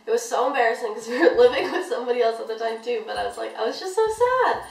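Fast, expressive, and creaky, her fairly high voice carries a casual story she's telling her camera, with lots of "like" as she rambles. The young woman is far from the mic in an echoey room, so she sounds somewhat off-mic.

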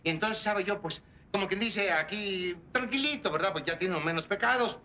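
A man's voice: sits high, brisk, pushed and bright. An actor playing a rambling, cheeky small-town man with a Mexican Spanish accent, joking and dropping broken English words in a 1960s film comedy.

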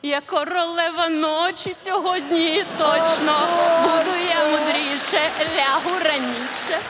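A woman's voice: high voice, very animated, moderate pace. A woman playing a vain, wicked stepmother, a singer, in a comedy sketch. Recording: stage with clear background noise.

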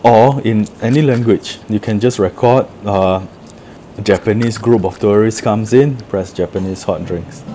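A man's voice: fairly low pitch, moderate pace, dark tone, a little hiss or hum. A man casually walking through a product demo, explaining each step plainly in an office room. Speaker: product demonstrator. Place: indoor office room with a table.

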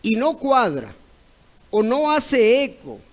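A Mexican man preaching a Sunday school sermon, retelling a conversation, pausing to ask "¿ve?" and at times rising to loud cries. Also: extremely high pitch, wildly swooping pitch, rough recording. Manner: retells a dialogue, repeating "correcto" and "¿ve?"; rises to loud exclaimed cries when acting out others.

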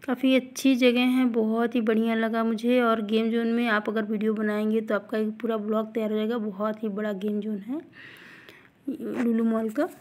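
Her voice is fairly high yet mellow and soft-edged, and her intonation barely moves as this woman, about thirty-something, narrates a casual vlog at a moderate pace. She addresses viewers directly, chatting and repeating herself, circling back over the same ideas.

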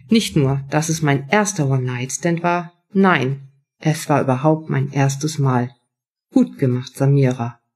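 Give me a woman author with a husky voice reading aloud from her book. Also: deep voice. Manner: first-person storytelling. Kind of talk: live reading from her own novel.

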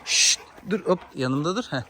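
A man, a father and dog owner, chatting casually to viewers in a yard while giving sharp commands to his dogs. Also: fairly high pitch, animated, normal speed, a little hiss or hum. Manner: sharp commands to dogs, shooing them back. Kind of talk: casual vlog talk to viewers.

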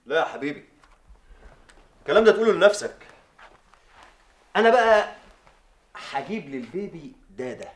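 A smug cocky producer. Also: male voice, fairly high pitch, big pitch swings, normal speed, long pauses, reverberant. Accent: Egyptian Arabic. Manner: smug, mocking. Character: cocky music producer, soon a father.

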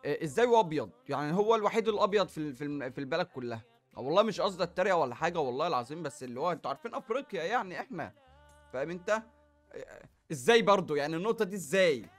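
A young man with an Egyptian accent giving excited commentary while opening packs in a football game, groaning and exclaiming at each result. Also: fairly high pitch, racing, faint music behind. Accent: Egyptian Arabic. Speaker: gaming YouTuber.

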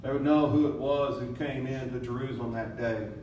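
A man's voice: medium pitch, fairly even intonation, a little fast, a little mellow, slight background noise. A man preaching a sermon in a dramatic way, acting out voices from the crowd and lamenting. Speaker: pastor. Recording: echoey room, from a distance.

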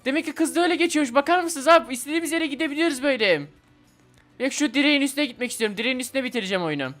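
A young man commentating a platform game for viewers, excitable and chatty, often talking to the game itself. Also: very high voice, rapid-fire, faint music behind. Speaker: gaming video host. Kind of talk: excited let's-play commentary.

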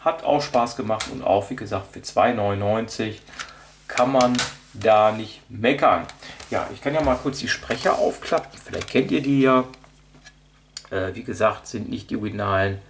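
A man with a lowish voice and moderate pace rambles casually through a show-and-tell of his audio drama collection. Unscripted and hesitant, he thinks aloud while seated at an indoor table off camera. Slight background noise is present.

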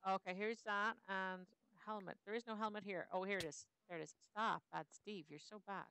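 A woman's voice: medium pitch, steady tone, fairly quick, pushed and bright, slight background noise. A woman hosting a Minecraft let's play, chatting casually and playfully while she plays and sometimes breaking into sing-song. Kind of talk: casual gameplay commentary.

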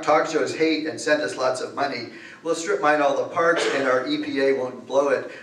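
An older man recites rhyming satire in a bouncy, mocking sing-song, his voice at an ordinary middle pitch. He stands at a podium mic, picked up by a camera well back in an echoey library room. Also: fairly bright tone, distant mic. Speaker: open mic poet. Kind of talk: rhythmic satirical verse recitation. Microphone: podium mic, far camera.

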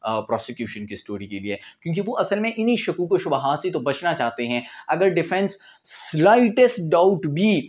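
A man in his twenties with a Pakistani accent gives an informal law lecture in a small indoor room with a whiteboard, explaining as he goes and mixing in English legal terms. His voice is on the high side with big pitch swings, and he speaks at a normal speed with hardly any pauses.

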